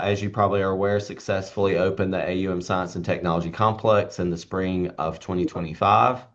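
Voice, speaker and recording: A man's voice: deep voice, highs cut off. A man, a university official, giving formal prepared remarks at a budget hearing with some hesitation.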